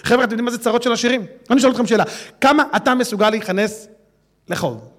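A man giving an animated sermon to an audience, dropping to a hush and then breaking into loud, laughing exclamations. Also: very high voice. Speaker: religious speaker.

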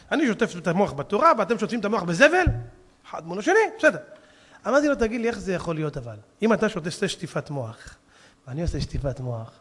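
A man delivers a storytelling sermon in a high, ringing voice. He keeps firing rhetorical questions and swings from near-hushed asides to loud, forceful peaks. A long reverb from a large hall follows his words. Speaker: rabbi.

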